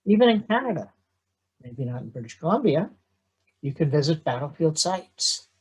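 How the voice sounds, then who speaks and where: A man's voice: a little high, sing-song, moderate pace, husky, low-quality recording. A middle-aged man, a history professor, giving an online lecture with dry, self-deprecating humor.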